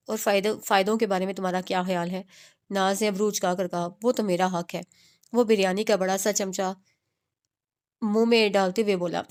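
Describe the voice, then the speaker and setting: A woman narrating a romance novel, reading all the characters' dialogue in a near-plain voice with small restarts. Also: mid-range voice. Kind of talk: scripted audiobook narration.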